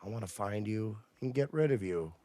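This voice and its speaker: A man's voice: lowish voice, expressive, normal speed, dark tone, dry recording. A man hosting a livestream, ranting at his chat in a profane, combative way. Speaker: livestream host. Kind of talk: casual livestream rant to chat.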